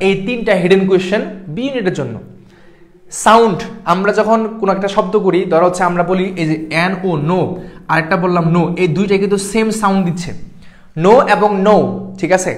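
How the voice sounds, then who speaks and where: A young man tutoring for an admission exam in a live class lecture, repeating points emphatically and often checking that students follow. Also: sits high. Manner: repetitive, emphatic, keeps checking understanding.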